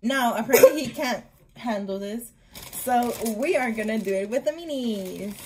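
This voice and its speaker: High, animated young woman chatting playfully. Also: normal speed, slight background noise. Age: young adult. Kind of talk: casual playful challenge vlog chat. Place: small indoor room with purple light.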